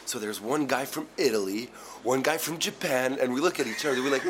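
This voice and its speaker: A man, a band's bassist, chatting in an animated way, swearing casually and laughing. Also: brisk, noisy background. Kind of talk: casual interview chat.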